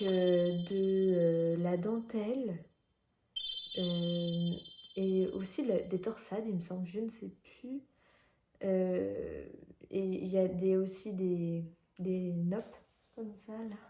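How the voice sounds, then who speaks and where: A woman's voice: medium pitch, mellow, roomy sound. A woman from France chatting casually about her knitting at home, with lots of hesitations and fillers. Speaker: knitting vlogger. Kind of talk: casual chat. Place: at home indoors, near a window shutter.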